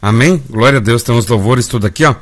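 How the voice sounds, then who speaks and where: Hosting a live gospel radio program, a Brazilian man speaks fast in a mid-range voice with a Brazilian Portuguese accent. His manner is folksy, and he addresses his audience as family.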